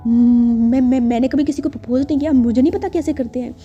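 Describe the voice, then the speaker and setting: A woman's voice: high voice, steady tone, brisk, mellow, lightly acted. A woman voicing a shy young woman in love who stammers and pleads anxiously, in a lo-fi recording with faint music. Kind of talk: storytelling voice acting.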